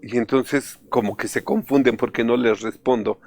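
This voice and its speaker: A man from Mexico, preaching a sermon in an earnest storytelling way, often lifting his pitch to stress a point. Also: fairly even intonation, moderate pace, a little mellow. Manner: earnest, storytelling, pitch rises for emphasis, frequent fillers. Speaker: pastor.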